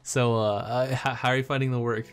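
A man's voice: medium pitch, level tone, brisk, faint music behind. A man co-hosting a casual commentary video, reading online posts aloud and adding dry, joking remarks. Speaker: co-host guest.

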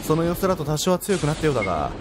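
A man voicing an arrogant male rival who taunts the hero in a haughty, lowered voice. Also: big pitch swings, racing, over music. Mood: taunting.

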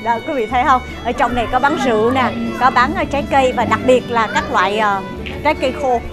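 This travel show host is a chatty woman with a voice on the high side, talking fast over music as she narrates a walking tour to camera. She moves from the outdoor farm market into its shop, filling her speech with "ờ" and calling her viewers "quý vị".

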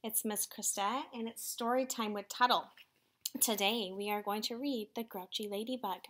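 A woman teacher hosting a children's story time, reading aloud in an animated, sing-song way and sometimes dropping to a whisper. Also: mid-range voice, normal speed.

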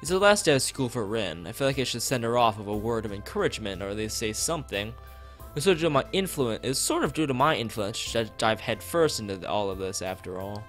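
Reading a visual novel aloud for his stream, a man speaks at a quick pace in an expressive, mid-range, somewhat bright voice, dropping in casual asides. Music plays behind him as he often fumbles lines and says phrases twice.

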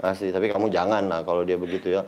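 Man coaching, lively storyteller. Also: low voice, rapid-fire. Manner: lively storyteller acting out quoted dialogue. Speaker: badminton coach. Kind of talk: casual coaching talk with anecdotes.

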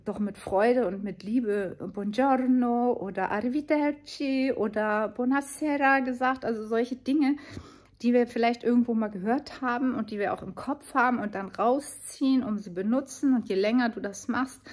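A woman's voice: a little high, moderate pace. A woman in her fifties talking casually and earnestly in a travel vlog, with many fillers and restarts. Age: 50s. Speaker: vlogger.

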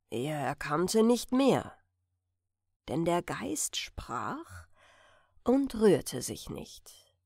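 A woman reads a classic tale aloud as a bedtime audiobook, calm and measured. Her pace is slow and her melody rises and falls freely over a faintly gravelly texture. The sound is dry and close to the mic. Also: medium pitch, no echo. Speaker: audiobook reader. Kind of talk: scripted narration of a bedtime audiobook.

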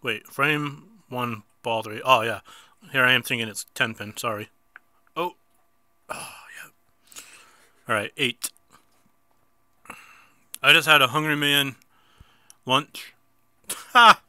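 A man's voice: mid-range voice, slow, long pauses, pushed and bright, no room sound, clean studio sound. A man with a stuffy nose chatting casually through a mobile bowling game, mocking himself and bursting out at his misses. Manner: chatty, self-mocking, sudden outbursts at misses. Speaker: gameplay video host.

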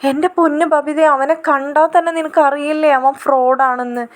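A woman voicing an indignant older sister who scolds her younger sibling in a sharp, reproachful manner. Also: high voice, fairly even intonation, moderate pace, voice pushed up, natural voice. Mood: scolding.

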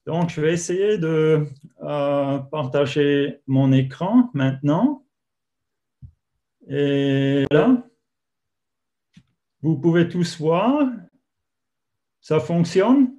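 A man talks in broken French. His voice is fairly high and soft-edged, and he goes slowly and hesitantly, like a professor making informal remarks before an online presentation. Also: animated, dull audio. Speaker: university professor giving a presentation. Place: online video call.

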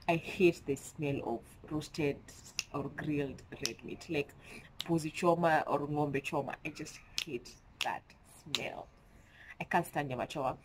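A woman's voice: deep voice, a little hiss or hum, rough recording. Chatty Kenyan woman with a stuffy nose. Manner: chatty, mixing in Swahili slang, emphatic. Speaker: vlogger. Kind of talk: casual chat to camera. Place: at home.

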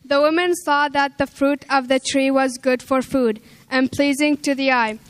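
A woman's voice: high voice, fairly even intonation, moderate pace. A young woman narrating a scripture passage in a church play, stumbling and restarting words. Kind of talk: reading scripture aloud in a play.

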